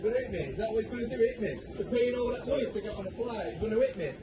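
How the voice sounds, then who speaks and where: An enraged British man, an unruly airline passenger, shouting a belligerent, drunk-like rant and repeating himself in phone footage. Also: high-pitched, lively intonation, rapid-fire, breathy edge, dull audio, some chatter behind. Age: over thirty. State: agitated, enraged. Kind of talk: angry public outburst.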